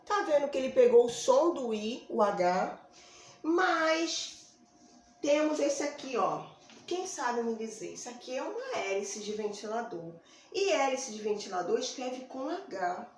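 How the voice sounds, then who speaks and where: Pointing to letters on a board, a woman teacher with a Brazilian Portuguese accent slowly narrates a phonics story for small children, her sing-song voice on the high side and her vowels stretched out. The classroom sounds very echoey, with faint room noise.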